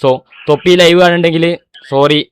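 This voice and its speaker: A man pleads with his stream chat, talking fast and insistently. His voice is a bit high, and he keeps swearing that he is telling the truth. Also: steady tone, a little hiss or hum. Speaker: livestreamer. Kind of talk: live-stream talk to chat.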